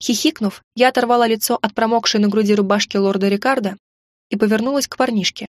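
A woman reading a first-person audiobook with expressive, emotional storytelling. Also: fairly high pitch, quick pace, no room sound, clean studio sound. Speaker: audiobook narrator.

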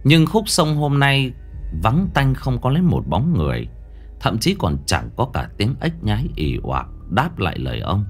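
A man's voice: medium pitch, wildly swooping pitch, moderate pace, husky, faint music behind. A man narrating a ghost story dramatically, lingering on eerie details.

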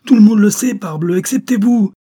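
A man reading aloud and voicing a fierce old female servant, with shrill, furious outbursts. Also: level tone, normal speed, mellow, lightly acted.

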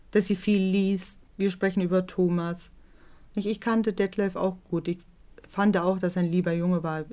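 This documentary interviewee is a middle-aged mother with a teenage daughter, speaking frankly and thoughtfully. Mid-range in pitch and dark in tone, she hesitates at times and frequently ends remarks with tag questions looking for agreement.

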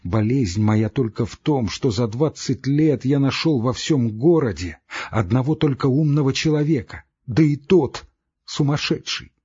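A man voicing a middle-aged male doctor who is nervous and breaking down, with a husky voice and shrill, tearful shouting. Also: animated, measured pace, highs cut off, full character voice. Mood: weary.

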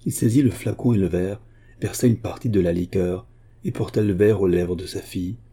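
A man reading a novel aloud as a steady audiobook narrator. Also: low-pitched, brisk, vocal fry, slightly rough. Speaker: audiobook reader. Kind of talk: scripted narration.

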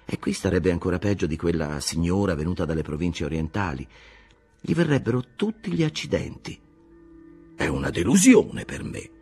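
A man's voice: deep voice, big pitch swings, moderate pace, darkish tone, breathy edge, heavily acted. A man doing a young earnest German engineer. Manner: earnest, explanatory, slightly defensive. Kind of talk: audiobook reading.

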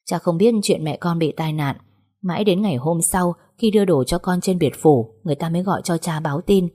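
A grieving middle-aged father speaks steadily and sorrowfully in this audiobook, as a woman narrator voices him. The voice sits low and dark with a husky edge. He tells his story in a plain, even way. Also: fairly quick, close to an everyday voice. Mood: grave.

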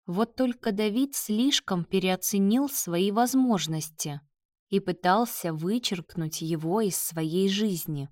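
A woman reading a novel aloud in calm, even scripted narration. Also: medium pitch, slow, no room sound, studio quality. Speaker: audiobook narrator.

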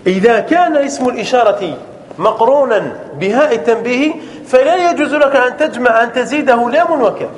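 A man's voice: very high-pitched, lively intonation, a little fast, a little hiss or hum. A man teaching a grammar lesson to a class, explaining step by step and often checking whether the students understand.

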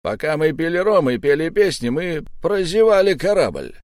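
Audiobook: male narrator plays a silky old pirate captain, raised voice, lively, friendly on top and threatening below. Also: fairly high pitch, moderate pace, no room sound, studio quality, voice pushed up. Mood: smooth mocking. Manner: mock-friendly, coaxing, menacing underneath.

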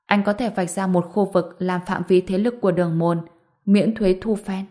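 A woman reading a calm, powerful young male hero in an audiobook, cool and unbothered. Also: medium pitch, normal speed, lightly acted. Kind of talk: audiobook narration.

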